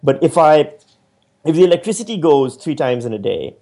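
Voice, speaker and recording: Speaking at a moderate pace with a fairly high pitch and some vocal fry, this Pakistani man works through his thoughts in a relaxed interview. He's a writer and stand-up comic whose delivery is thoughtful yet lively, full of restarts.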